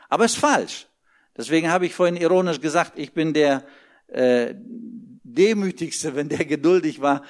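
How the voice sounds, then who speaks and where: A middle-aged man preaching a sermon, animated and acting out short dialogues as he talks. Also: fairly high pitch. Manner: animated, acts out little dialogues.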